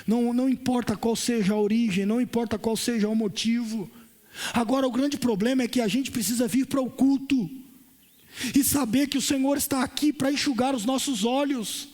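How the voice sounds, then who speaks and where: A man with a Brazilian Portuguese accent preaching a Pentecostal sermon at a church service, impassioned, moving between shouted lines and softer ones. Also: extremely high pitch, fairly even intonation, a little fast. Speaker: pastor.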